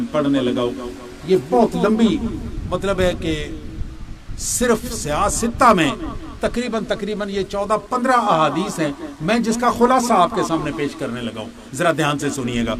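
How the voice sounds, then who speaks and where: A man's voice: fairly high pitch, expressive. An older man from Pakistan giving a sermon, explaining step by step, asking questions and answering them himself, with asides in Punjabi. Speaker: religious teacher.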